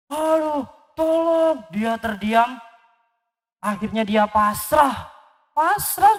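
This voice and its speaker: A woman tells a children's story slowly and clearly, pausing to put questions to the young listeners. Her voice is bright and forceful. A long hall reverb hangs on every line. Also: high-pitched. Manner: animated, asks the children questions. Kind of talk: storytelling for children at a live event.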